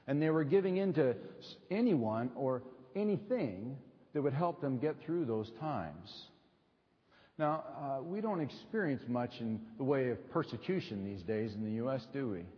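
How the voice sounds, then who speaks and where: A man in his forties preaching an earnest, conversational sermon at a pulpit microphone in a church sanctuary. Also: a little high. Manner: earnest, conversational, with frequent uh fillers. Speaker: pastor. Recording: long church reverb, slightly dull sound.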